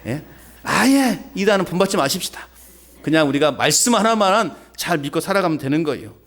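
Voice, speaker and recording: Animated Korean pastor preaching. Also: male voice, a little high, brisk. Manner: animated preaching, call-and-response with congregation; folksy rhetorical questions, tags like "예?" and "잉?". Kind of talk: sermon.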